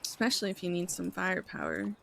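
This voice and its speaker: A woman's voice: fairly low pitch, huge pitch swings, fast, creaky, a bit bright. A woman chatting in character during an online role-play game, friendly and talkative.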